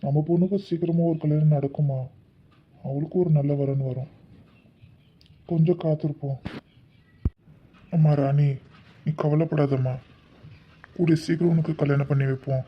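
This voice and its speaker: A struggling working father, played by a man, speaking in an earnest, gentle and pleading way. His voice is a little high for a man. The sound is dull and lo-fi, like a home-made family skit. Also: fairly even intonation, normal speed, long pauses, slight background noise, close to an everyday voice. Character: poor, humble working father. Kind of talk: amateur family skit acting. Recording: dull lo-fi recording.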